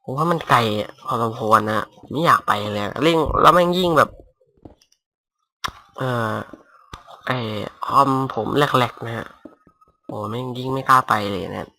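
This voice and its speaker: A young man casually commentating his Minecraft game at home on a headset mic, talking softly and rambling. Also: medium pitch, expressive, measured pace, long pauses, slight background noise. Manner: rambling, talks softly to avoid disturbing neighbors. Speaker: gaming YouTuber. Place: home room. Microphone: cheap gaming headset mic.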